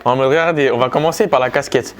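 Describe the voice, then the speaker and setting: A young man chatting casually on his vlog, slangy and animated, laughing often. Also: mid-range voice, quick pace. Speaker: vlogger.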